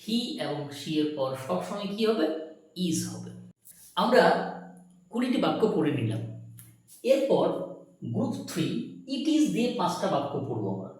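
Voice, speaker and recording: A woman teaches a grammar lesson, reading out example sentences at a slow, deliberate pace for pupils to repeat. Her pitch sits a little low but moves a lot. The recording is very echoey, with her voice set back from the mic. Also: big pitch swings, a little mellow, far from the mic. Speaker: English teacher.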